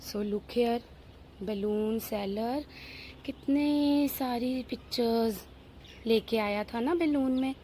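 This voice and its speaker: Woman, Indian English accent, kids' phonics teacher, higher-pitched voice, very slow sing-song delivery. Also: dark tone, slight background noise. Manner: slow, sing-song drawn-out words with frequent questions. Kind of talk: phonics lesson for young children.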